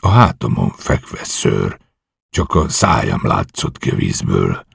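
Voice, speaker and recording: A man's voice: extremely low pitch, very animated, gravelly, husky, no room sound, clean studio sound, voice pushed down, heavily acted. A man reading an eager young soldier. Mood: earnest report. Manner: earnest, respectful report. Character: young male commando officer, eager and bold.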